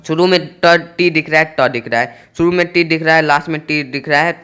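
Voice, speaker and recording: A man's voice: on the high side, steady tone, a little fast, pushed and bright, smooth. A man teaching English pronunciation to students, spelling out words letter by letter and repeating each point. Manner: repetitive, spells out letters one by one.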